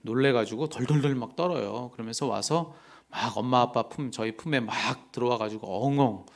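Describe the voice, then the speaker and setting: A male pastor preaching a sermon, swinging from loud emphatic lines to soft whispered words of comfort. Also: mid-range voice, brisk, vocal fry.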